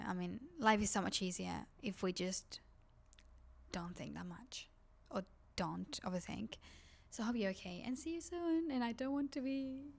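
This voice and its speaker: A woman from Spain, a native Spanish speaker with a Spanish accent, vlogs straight to the camera in a rambling, confiding way, leaning heavily on "like." Her voice is medium in pitch with vocal fry.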